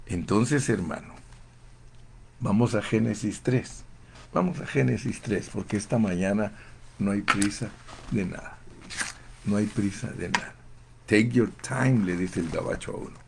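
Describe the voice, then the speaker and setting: A man preaching a sermon in a slow, emphatic, fervent way, often calling his listeners brother. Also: on the low side, vocal fry, background noise. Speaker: pastor.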